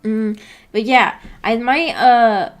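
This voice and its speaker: A woman with a fairly high voice hosts a casual livestream, taking it slowly. She rambles and thinks aloud in a laid-back way, chatting with viewers and reading their comments aloud before replying.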